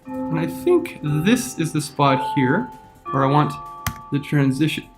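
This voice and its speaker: A man teaching a screen-recorded software tutorial, talking through each step as he clicks. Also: on the high side, animated, a little slow, faint music behind.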